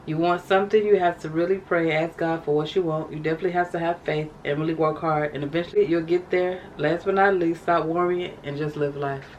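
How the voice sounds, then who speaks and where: A woman's voice: low-pitched, steady tone, a little fast, hardly any pauses, highs cut off, slight background noise. A young woman vlogging casually, reading from her journal and calling her viewers y'all. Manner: chatty, addresses viewers as y'all.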